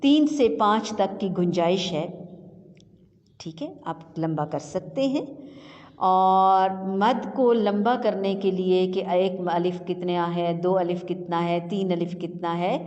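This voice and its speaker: A woman teacher leading a slow recitation lesson, spelling out syllables patiently and drawing out each sound. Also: on the low side, darkish tone, highs cut off. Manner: patient, drawn-out syllable drills. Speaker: Quran reading teacher. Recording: long reverb with faint music.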